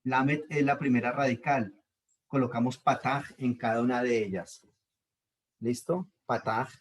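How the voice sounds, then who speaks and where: A man's voice: medium pitch, steady tone, a little slow. A male teacher, leading a step-by-step grammar lesson. He patiently repeats each point and checks in with his students.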